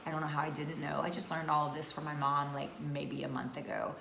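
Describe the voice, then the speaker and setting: Low-voiced chatty woman vlogger. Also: level tone, a little fast, vocal fry, a bit bright. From North Georgia, US. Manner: chatty, many fillers. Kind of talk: casual talk to camera. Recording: echoey room with faint noise.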